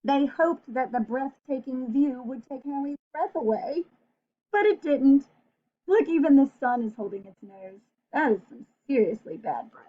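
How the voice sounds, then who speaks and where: Her voice is high-pitched and expressive, and she takes her time as she performs a picture book for young children, breaking off with playful questions for them. Audio quality is dull and lo-fi.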